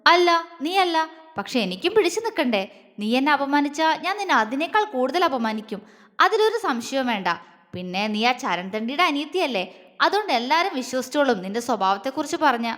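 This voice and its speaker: A woman's voice: high-pitched, very animated, normal speed, fairly bright tone. Casual story voice: a woman playing an arrogant, mocking young man, echoey. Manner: taunting, sneering. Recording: long reverb.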